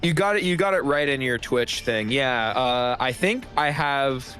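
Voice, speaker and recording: A man's voice: medium pitch, expressive, unhurried, a bit bright, soft background music. A man chatting as a guest on a stream, laid-back and rambling, with lots of filler words. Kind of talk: casual chat.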